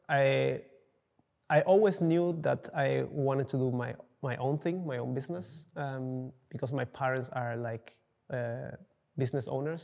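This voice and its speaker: A man's voice: medium pitch, vocal fry, a little mellow. A young man from Peru, answering interview questions casually and searching for words with many fillers. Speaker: coffee entrepreneur, interviewee. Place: dark studio, indoors.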